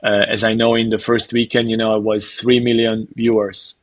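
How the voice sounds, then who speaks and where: A man with a Hungarian accent, a basketball coach, answering interview questions in a halting way, leaning on "you know" and repeating words as he thinks. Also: fairly low pitch, little pitch movement, no echo.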